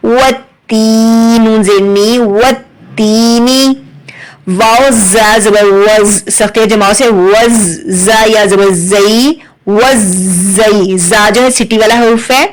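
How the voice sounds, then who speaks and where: In a recitation lesson with poor audio, a mid-range female voice with an Urdu accent teaches Quran reading slowly, syllable by syllable. She names each letter and vowel mark before blending them together into words.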